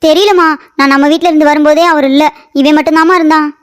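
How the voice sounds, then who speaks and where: Guy doing a squeaky fussy wife voice, nags and pleads, cartoon story. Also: steady tone, fast talker, fairly bright tone. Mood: worried. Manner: high, pleading, nagging. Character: fussy young wife, doting on pet crow.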